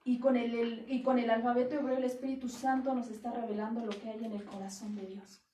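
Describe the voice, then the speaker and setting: A woman's voice: fairly high pitch, little pitch movement, brisk, warm tone, a little hiss or hum. A woman pastor preaching a sermon in earnest, emphatic tones, quoting scripture as she teaches. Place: church. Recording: echoey church hall, heard from a distance.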